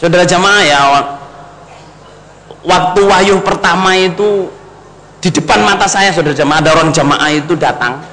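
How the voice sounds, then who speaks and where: A man's voice: high-pitched, normal speed, pauses often, fairly bright tone. A middle-aged man, preaching a storytelling sermon to his congregation and calling them brothers and sisters. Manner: addresses the congregation as brothers and sisters, mixes in Javanese. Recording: long hall reverb, faint noise.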